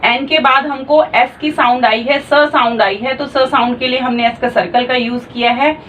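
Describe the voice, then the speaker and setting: A woman's voice: high-pitched, steady tone, moderate pace, a bit bright, a little hiss or hum, rough recording. A woman teaching a shorthand class online. She explains patiently and spells out sounds step by step.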